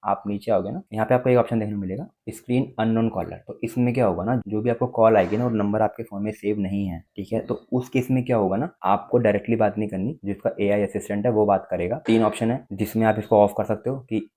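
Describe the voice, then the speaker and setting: A tech tutorial presenter with an Indian accent casually walks through phone features, his slightly low voice soft and mellow with a steady tone. He speaks quickly, checking in with small tag words as he explains each step.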